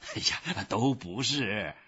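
A man's voice: on the low side, expressive, slow pace, fairly bright tone, slightly rough, exaggerated voice. A man voicing an exasperated middle-aged man who insists and grows short-tempered. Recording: dull lo-fi recording.

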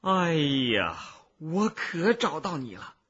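A man voicing an excited, urgent boy companion in a storybook reading, raised and high, on a muffled lo-fi recording. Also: takes it slowly, slightly rough, heavily acted.

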